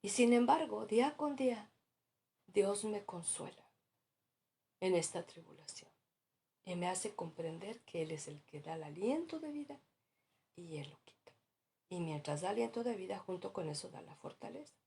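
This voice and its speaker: A woman's voice: medium pitch, sing-song, moderate pace, gravelly, pauses often, dark tone, slight background noise. A woman pastor preaching a sermon in an earnest, exhorting way, at times dropping to a near-whisper.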